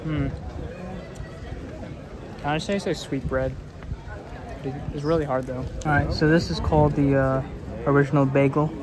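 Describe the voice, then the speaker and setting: A man's voice: a little high, flat delivery, measured pace, long pauses. A young man narrating a casual travel vlog in a loose, chatty way, with lots of fillers and self-corrections. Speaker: travel vlogger. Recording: busy crowd noise around him.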